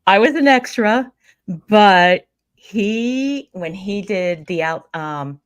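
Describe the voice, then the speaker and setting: A woman's voice: medium pitch, lively intonation, takes it slowly, clear, resonant tone, dry recording, clean studio sound. A woman from Pennsylvania, a thought leadership coach, speaking as an upbeat interview guest who often repeats words as she goes. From Pennsylvania, USA. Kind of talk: conversational interview.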